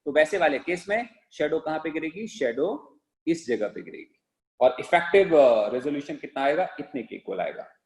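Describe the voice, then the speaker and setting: A male teacher giving a classroom lecture, asking the class rhetorical questions and repeating phrases slowly so students can write them down on words. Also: fairly high pitch, animated, poor audio. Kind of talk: classroom lecture, dictating notes.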